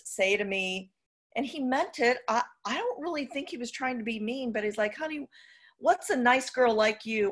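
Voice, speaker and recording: A woman's voice: mid-range voice, fairly bright tone. A woman guest tells her experiences in an emphatic way, often checking in with tag questions. She sounds plain and direct. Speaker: guest surgeon. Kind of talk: storytelling in an interview.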